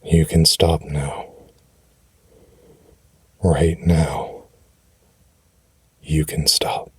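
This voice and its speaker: A man speaking soothing affirmations for rest in a deep, husky, breathy voice, gently and reassuringly, with unhurried pauses, close to the mic. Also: flat delivery. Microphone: close, dry microphone.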